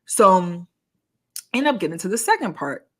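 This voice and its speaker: A woman co-hosting a podcast, telling a personal story in casual chat, animated and full of "like" and self-mocking laughs. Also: medium pitch, normal speed. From United States. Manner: animated storyteller, heavy use of "like", laughs at herself. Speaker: podcast co-host.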